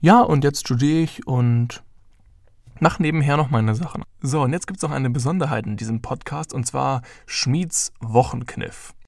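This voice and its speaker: Here a young adult man, early twenties, runs his own podcast and chats in a rambling way, dropping in plenty of fillers. His German-accented voice is medium in pitch, creaky and darkish, delivered at a moderate pace.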